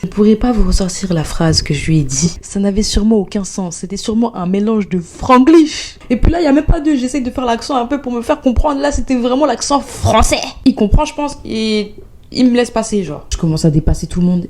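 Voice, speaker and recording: A young woman from France telling a travel story as a vlog, replaying her own panic in a high voice. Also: a little mellow. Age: young adult. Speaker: vlogger.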